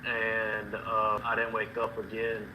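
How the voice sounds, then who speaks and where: A man recounting a night's events in a halting way, repeating himself and quoting others. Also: on the low side, completely flat delivery. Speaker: person recounting events in a recorded interview. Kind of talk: recounted testimony. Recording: dull lo-fi clip with background noise.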